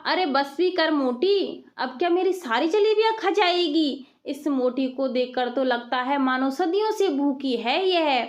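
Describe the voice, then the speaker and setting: Village sweet seller, blunt and insistent, high-voiced, played by a woman storyteller. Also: animated, a little slow, hardly any pauses. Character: village jalebi seller, man, blunt and money-minded.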